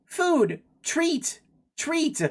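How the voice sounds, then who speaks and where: Squeaky little bird yelling one-word chirps, super high. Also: female voice, sing-song, drawn-out words, heavily acted. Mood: begging. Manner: shrill, clipped one-word squawks. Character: small chirping bird begging for treats.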